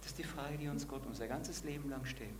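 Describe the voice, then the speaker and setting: A man's voice: medium pitch, fast, noisy background. A man preaching a sermon and asking the congregation direct questions.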